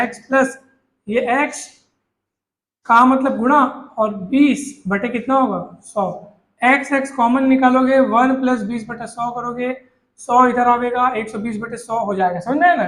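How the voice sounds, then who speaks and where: A male maths teacher, explaining a lesson in a coaxing way, repeating points and asking his students questions. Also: very high voice. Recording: echoey room.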